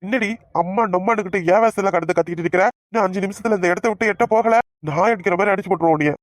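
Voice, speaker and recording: A woman's voice: medium pitch, racing, no room sound, clean studio sound, voice pushed down, natural voice. A woman doing an angry young village husband. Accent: Kanyakumari Tamil. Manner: angry, dismissive, shouting threats. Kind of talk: cartoon comedy voice acting.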